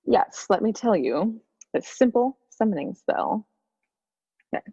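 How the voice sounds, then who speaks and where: A woman's voice: medium pitch, animated, a little slow, mellow, husky. A woman playing a dry-witted undead woman from the underworld, speaking in a dry, sardonic way. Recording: dull lo-fi sound with long reverb.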